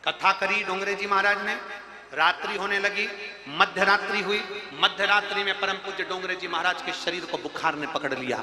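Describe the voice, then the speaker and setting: A man's voice: sits high, moderate pace. Man preaching a devotional story in an echoey hall. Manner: repetitive, rising declamation building to loud emphatic refrains. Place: large hall, live religious gathering. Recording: echoey hall with music behind.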